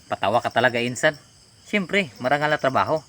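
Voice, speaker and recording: A man's voice: mid-range voice, expressive, a little fast, a bit bright, a little hiss or hum, natural voice. A man playing a lonely, friendly cousin who chats casually and teases. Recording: outdoors at night with crickets and insects.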